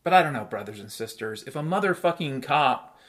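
A man's voice: medium pitch, lively intonation, brisk, a bit bright. A middle-aged man delivering a blunt, profane monologue as a talk host, repeating phrases for emphasis. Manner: emphatic repetition for effect. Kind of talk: ranting monologue.

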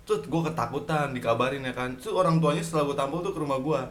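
A young man telling a story in casual chat with friends, slangy and animated, laughing often. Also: medium pitch, fast.

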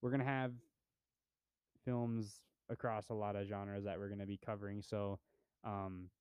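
A young man co-hosts a podcast, talking about movies in a relaxed, rambling way full of filler words. His voice is on the low side, with a flat delivery and a moderate pace. The tone is clean with no echo, though the sound is lo-fi.

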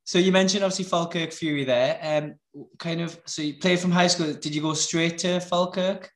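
A man's voice: a little high, fairly even intonation, moderate pace, reverberant. A man interviewing casually, with hesitant questions full of "kind of". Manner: hesitant, many "kind of" fillers.

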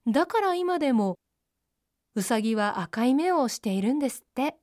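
A woman reads a children's folk tale aloud in a gentle, clear way, her voice high and bright. The sound is dry and close to the mic. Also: very animated, moderate pace, dry recording. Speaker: storyteller. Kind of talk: children's storybook narration.

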